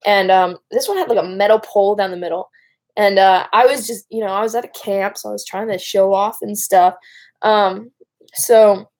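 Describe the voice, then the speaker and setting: A woman's voice: mid-range voice, fairly even intonation, moderate pace, a little mellow. A young woman with a Great Lakes Michigan accent chats casually on a live stream in an informal, rambling way. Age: young adult. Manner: rambling, informal, breaks off and addresses viewers.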